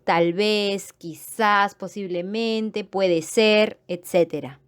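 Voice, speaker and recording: Woman teaching a clear grammar lesson. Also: mid-range voice, slow pace, no room sound. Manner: patient, repeats points and checks understanding; friendly sign-off to viewers.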